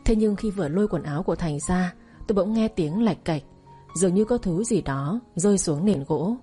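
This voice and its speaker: A woman narrating a first-person story in a soft, slow, wistful way. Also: fairly low pitch, expressive. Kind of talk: scripted narration. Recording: faint music behind.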